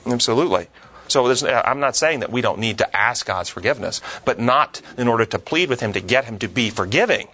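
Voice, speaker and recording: A man's voice: mid-range voice, animated, brisk, sharp tone. A man leading a Bible study discussion, quoting scripture earnestly and driving points home with rising, emphatic questions.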